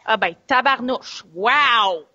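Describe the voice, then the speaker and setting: A woman's voice: on the high side, expressive, slow, sharp tone, no echo, dull audio. A woman asking questions in a casual comic mock interview, wry and a little exasperated. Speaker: panel interviewer.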